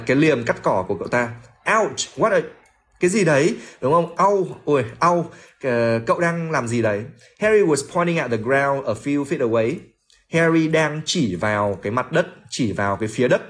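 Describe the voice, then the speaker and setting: A man runs a livestream English lesson, reading lines aloud and breaking them down. His voice sits at a middle pitch. He talks in a loose, chatty way, repeating words as he searches for them and tossing jokes to the viewers. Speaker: English teacher.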